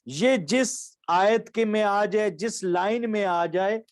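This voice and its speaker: A man from Pakistan with a fairly high voice teaches Quranic recitation in an online lecture. He explains patiently, going over each rule again with simple examples. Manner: patient, repeats key points and examples.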